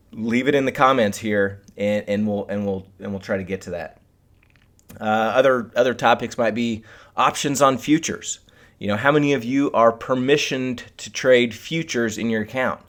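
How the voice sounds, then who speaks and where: A man hosting a live instructional webcast in a casual style, addressing his viewers directly. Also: lowish voice. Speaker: host of a live trading webcast.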